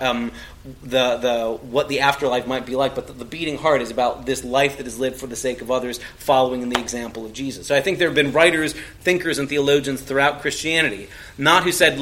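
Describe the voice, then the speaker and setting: Bright-voiced man talking theology. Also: mid-range voice. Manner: discursive, rephrases as he goes. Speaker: podcast panelist. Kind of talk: conversational theological discussion.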